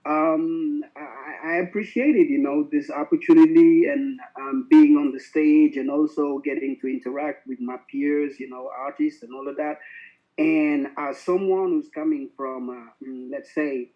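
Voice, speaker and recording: A man from Senegal with a Senegalese French accent, a French speaker, talking haltingly about his music over a video call. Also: a little high, steady tone. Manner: halting, many restarts. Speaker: contestant artist. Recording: dull, lo-fi video-call audio.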